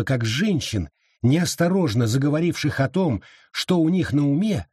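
A male audiobook narrator with a husky, slightly breathy tone, reading in a measured way. His pitch moves in a lively range, and the recording is dry and close. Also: no echo. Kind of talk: scripted narration.

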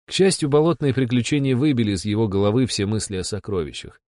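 A man narrating a first-person story with a steady, wry delivery. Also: fairly low pitch, fast talker, no room sound, clean studio sound.

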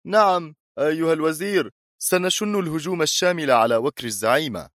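A cold, commanding spymaster, voiced by a male audiobook narrator, talks in short, steely sentences. The voice sits higher and louder than the narrator's own, in a dry, close sound. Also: fairly quick, no room sound, close to an everyday voice. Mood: firm. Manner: firm, curt, steely. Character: stern, cold, commanding male intelligence chief. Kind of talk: audiobook character voice.

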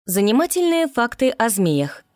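Woman putting on storybook bun creature, male, eager, high voice, reporting facts. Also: sing-song, moderate pace, darkish tone, dry recording, studio quality.

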